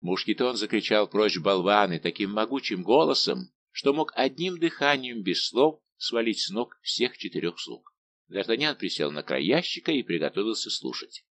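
A man narrating a classic adventure novel as an audiobook, with expressive storytelling. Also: lowish voice, moderate pace, gravelly.

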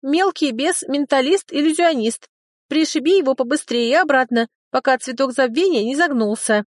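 A cheeky, lazy little dragon from a storybook fantasy, pitched high and punchy, played by a woman narrator. He bosses and teases in quick slangy bursts. The read is dry and close. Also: no echo, close to an everyday voice. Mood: brisk. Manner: brash, mocking, hiccuping slangy patter.

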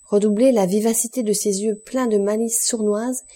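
A woman narrating a classic novel as an audiobook, in a steady, expressive reading voice. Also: medium pitch, moderate pace.

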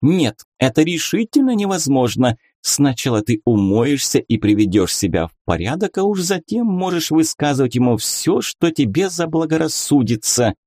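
A man's voice: on the high side, very animated, moderate pace, hardly any pauses, a little mellow, dry recording, clean studio sound, voice pushed up. Man playing a honeyed young nurse confidante. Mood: cooing. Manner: honeyed, cooing, motherly. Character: young nurse, sugary, worldly-wise confidante. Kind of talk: audiobook character reading.

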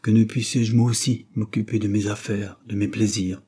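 Storybook father in despair, low husky dark voice, read by a man. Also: flat delivery, moderate pace. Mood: anguished. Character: anxious, gravely worried father, Latin and Greek tutor.

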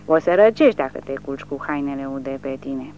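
A woman's voice: a bass voice, animated, a little mellow, dull audio, a little hiss or hum. A reader voicing a weary village wife who pleads with and scolds her drunk husband in an audiobook. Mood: pleading. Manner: pleading and crying out.

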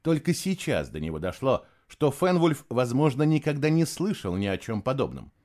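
A man narrating an audiobook in an expressive storytelling manner. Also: medium pitch, normal speed. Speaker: audiobook reader. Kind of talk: scripted narration.

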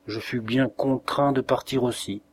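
A man reading a classic short story aloud as an audiobook narrator, in an expressive, measured way. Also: medium pitch, breathy edge.

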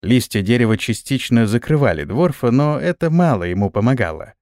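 Lively male fantasy audiobook narrator. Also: mid-range voice, a little fast, no room sound, studio quality. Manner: expressive, lively reading.

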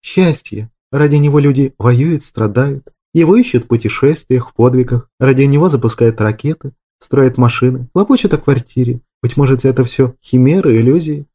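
A man voicing a dreamy, earnest young woman in love in a storybook reading, speaking softly and with rapture. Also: medium pitch, normal speed, few pauses, lightly acted.

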